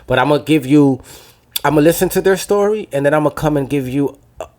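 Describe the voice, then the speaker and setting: A young man hosts a podcast, his fairly high, slightly mellow voice moving at a quick clip. His Dominican American New Jersey accent colors the loose, foul-mouthed chatter, which drifts into Spanish at times.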